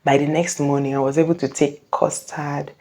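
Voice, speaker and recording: Low, mellow-voiced woman telling her story. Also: level tone. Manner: earnest, halting, with frequent self-corrections. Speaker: vlogger sharing a personal testimony. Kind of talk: casual personal storytelling.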